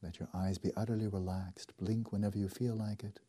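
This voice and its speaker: A man leading a guided meditation as a teacher, speaking slowly and softly with deliberate pauses and a husky edge. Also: fairly low pitch, little pitch movement. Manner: slow, soft and deliberate, with long pauses.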